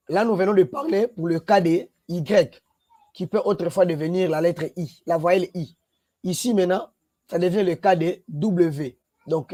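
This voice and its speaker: A man's voice: fairly high pitch, mellow. A man, teaching a language lesson and spelling out letters one by one. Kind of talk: slow spoken lesson.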